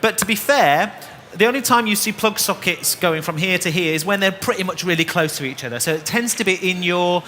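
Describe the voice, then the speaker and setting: A man's voice: sits high, brisk, hardly any pauses, bright, forceful tone. A man with a Northern English accent, presenting a live DIY demonstration in a casual way, often restarting his sentences. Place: exhibition hall stage. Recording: reverberant hall, faint background noise.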